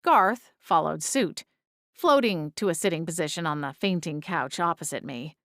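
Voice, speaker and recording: A woman's voice: low voice, animated, normal speed, a bit bright, no room sound, clean studio sound. A woman reading scripted first-person story narration as an audiobook narrator.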